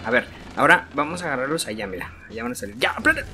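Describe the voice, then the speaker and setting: A woman with a Mexican accent playing a video game alongside a child, coaxing, cheering and yelling at enemies. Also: rumbling low, animated, very fast. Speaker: gaming channel host. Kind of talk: casual gameplay chat with a child. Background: game music.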